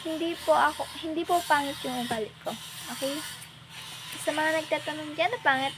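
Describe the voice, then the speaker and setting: High-voiced young woman venting on a vlog. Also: brisk, background noise. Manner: emotional, rambling, frequent fillers. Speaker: vlogger. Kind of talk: casual confessional vlog. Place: home, hot and alone.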